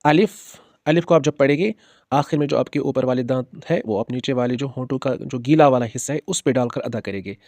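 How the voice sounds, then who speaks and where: A man teaching how to pronounce Arabic letters, patient, stretching each letter slowly and checking in with the learner often. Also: medium pitch, darkish tone, no room sound. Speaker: Quran teacher.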